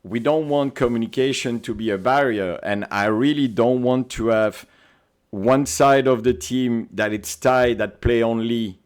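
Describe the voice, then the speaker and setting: A Belgian man with a Belgian accent guests on a podcast, telling stories animatedly in non-native English during a casual interview chat. His voice sits in the mid range, with a clean tone and a slightly slow pace.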